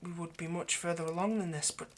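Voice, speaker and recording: In an intimate roleplay monologue, a man plays an earnest, lovestruck vampire coaxing a partner, hesitant and stammering yet gently persuasive and reassuring. His natural voice is fairly high with a steady tone, and he speaks quickly. There's slight background noise.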